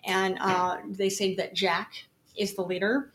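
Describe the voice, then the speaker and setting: Casual woman co-host, chatty and hesitant, average pitch. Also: little pitch movement, measured pace, fairly bright tone. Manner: chatty, laughs often, hesitant with fillers. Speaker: podcast co-host. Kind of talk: casual news chat.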